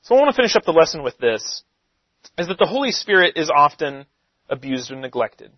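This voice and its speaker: A man with a slightly raised pitch, teaching from scripture in a sermon-style lesson. He reads passages deliberately and then slips into casual explanation. The recording is dry and a little dull, like a lo-fi capture. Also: big pitch swings, no room sound. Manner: reads scripture lists slowly, then explains in loose conversational asides. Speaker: preacher teaching a Bible lesson.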